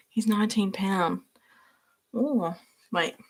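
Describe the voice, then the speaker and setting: A woman's voice: medium pitch, drawn-out words. A young woman hosting a casual livestream, chatting and laughing while she answers viewers by name as she works. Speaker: livestream host.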